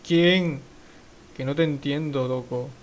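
Excitable man narrating his gameplay. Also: on the high side, slow. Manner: excitable, swears, bursts into panicked shouts. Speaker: mobile game streamer. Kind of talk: live gameplay commentary.

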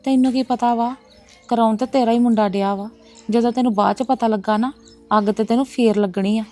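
A woman's voice: high-pitched, a little fast, faint music behind, close to an everyday voice. An actress playing a proud woman who insists on defending her brother and his family in a domestic drama. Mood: muttering, resentful. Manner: earnest, insistent, repeating "no, no, sister". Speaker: actress in a web series.

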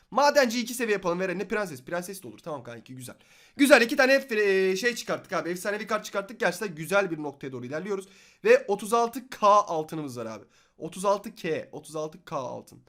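Excitable high-voiced young man, rapid-fire. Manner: excitable, swings from shouting to muttering. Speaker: gaming YouTuber. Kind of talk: excited gameplay commentary.

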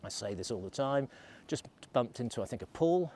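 A man's voice: medium pitch, lively intonation, a little fast, a little mellow, breathy edge. A middle-aged man, vlogging in a chatty, rambling way while out on a snowy ski slope, filming himself at arm's length. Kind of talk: casual vlog while skiing. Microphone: selfie camera at arm's length.

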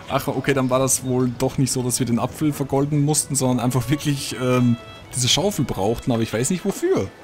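A man's voice: mid-range voice, normal speed, soft background music. A man giving casual gameplay commentary, thinking aloud and muttering his reactions as he plays. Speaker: let's play gamer.

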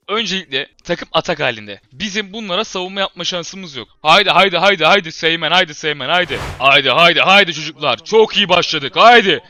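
A man giving live commentary over his football career-mode game, shouting at his players and then muttering when things go wrong. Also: high voice, no echo. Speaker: gamer and channel host.

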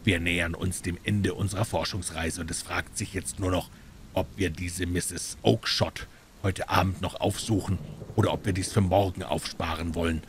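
Male reader doing a cool, clever detective, low, soft-spoken, unhurried. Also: slight background noise. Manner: calm, friendly, measured. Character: calm, shrewd male detective.

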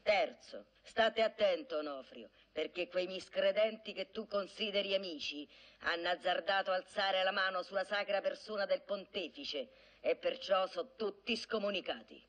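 A woman's voice: mid-range voice, normal speed, lightly acted. An actress playing a stern, devout elderly noblewoman with a Roman accent, lecturing her son point by point. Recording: dull old film soundtrack.

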